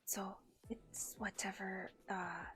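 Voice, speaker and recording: A woman speaking softly and breathily in character, hesitant and formal in her phrasing. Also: mid-range voice, little pitch movement, slow pace. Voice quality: soft and whispery. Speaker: roleplaying herbal tea expert. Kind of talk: casual in-character roleplay chat.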